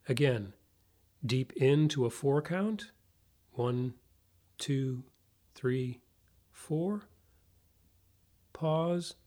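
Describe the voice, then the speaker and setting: A man leading a guided breathing meditation in a measured, instructional way, leaving long pauses. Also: medium pitch, darkish tone.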